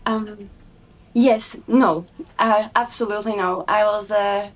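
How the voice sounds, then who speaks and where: Slovak-accented woman, halting guest chat. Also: mid-range voice, fairly even intonation, low-quality recording. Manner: halting, with many fillers and restarts. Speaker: podcast guest, snow biker. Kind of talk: casual interview chat.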